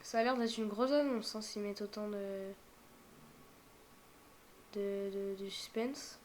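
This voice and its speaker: A young woman casually reacting out loud to a game showcase, thinking aloud with many fillers and now and then dropping to a whisper. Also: medium pitch, unhurried, slight background noise. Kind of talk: casual live reaction commentary.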